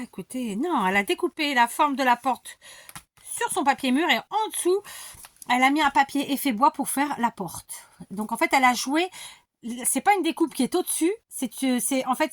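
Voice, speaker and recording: A woman's voice: fairly high pitch, a bit bright. A middle-aged woman hosting a casual scrapbooking show-and-tell from her craft desk, gushing with enthusiasm and poking fun at herself. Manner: enthusiastic, gushing, self-mocking. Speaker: scrapbooking channel host.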